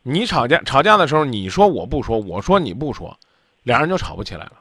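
A man's voice: mid-range voice, very animated, quick pace, sharp tone, no echo, studio quality. A man hosting a radio call-in advice show, blunt and lecturing as he scolds the caller. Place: radio studio.

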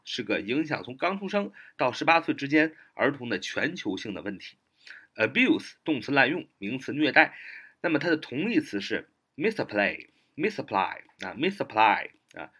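A man's voice: mid-range voice, pushed and bright. A man whose first language is Chinese teaching English exam vocabulary, spelling words letter by letter with frequent "ah" fillers.

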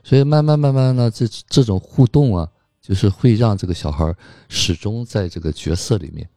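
A man's voice: on the low side, moderate pace, dark tone, no room sound, clean studio sound. A man, a psychological counselor, explaining patiently as a guest in a casual film discussion, with frequent fillers.

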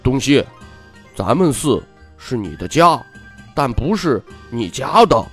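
A man's voice: mid-range voice, moderate pace, soft background music, close to an everyday voice. A man voicing a timid little boy monk who answers meekly and hesitantly in a storybook reading. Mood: earnest. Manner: meek, hesitant, soft-spoken.

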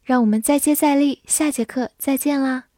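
A woman teacher giving a vocabulary lesson. She reads each word twice and then its meanings, in a clear, careful way. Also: high-pitched, fairly even intonation, moderate pace, mellow, dry recording, clean studio sound. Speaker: English teacher.

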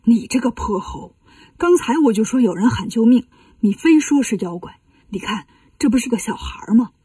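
A woman's voice: on the high side, expressive, moderate pace, warm tone, husky, dry recording, far from the mic. A woman doing a stern, fussy old monk master. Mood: scolding.

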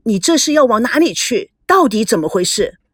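A woman's voice: on the high side, big pitch swings, brisk, slightly rough, no echo, studio quality. A woman doing an anxious young man. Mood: worried. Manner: earnest, worried.

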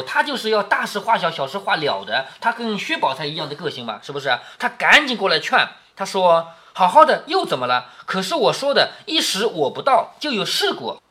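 A father reads a classic novel aloud to his daughter and breaks off to explain it. His voice is bright and carries a clear edge, and it swings widely in pitch. He keeps asking short checking questions and gives the quoted lines a raised, acted lilt. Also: big pitch swings, fairly quick, hardly any pauses. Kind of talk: reading aloud and explaining the text.

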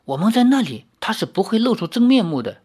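Man voicing a teasing young swordsman, raised pitch, lively swings, cheeky storybook hero. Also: fast, husky, full character voice.

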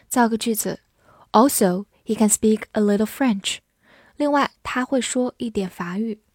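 A woman teaching English vocabulary in a lesson, patiently spelling words letter by letter and reading example sentences slowly, with Chinese as her first language. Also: mid-range voice, a little mellow, dry recording, studio quality.

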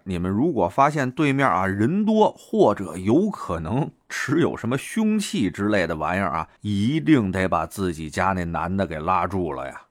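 A man's voice: on the low side, dry recording, studio quality. A man telling a story in a chatty, colloquial monologue, with heavy erhua.

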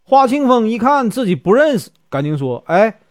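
A man's voice: extremely high pitch, very animated, no echo. Northeastern guy telling old tales, chatty, lots of filler sounds, dry close sound. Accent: Northeastern Mandarin. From Northeast China. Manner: chatty, with many drawn-out filler particles. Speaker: storyteller. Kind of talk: traditional folk storytelling.

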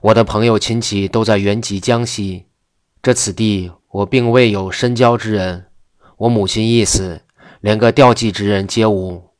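A man's voice: on the low side, fairly even intonation, moderate pace, dry recording, clean studio sound, natural voice. A man reading the lines of a grieving, grateful young son in an earnest, pleading way.

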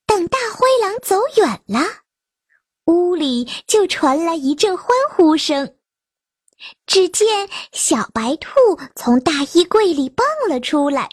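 Slow expressive children's storyteller woman. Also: sits high, no echo, studio quality. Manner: expressive, sing-song storytelling. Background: children's music.

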